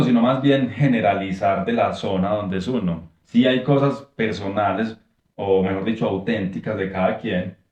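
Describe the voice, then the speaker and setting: A man with a Colombian accent, a guest explaining things in a measured, casual way. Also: lowish voice, a little mellow, very echoey, distant mic, dull audio. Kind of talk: casual conversation.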